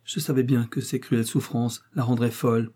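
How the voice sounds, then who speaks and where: A man's voice: mid-range voice, level tone, moderate pace, warm tone, breathy edge, close to an everyday voice. A man voicing a distraught, loyal woman servant who wails in grief. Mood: wailing. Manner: wailing, hand-wringing.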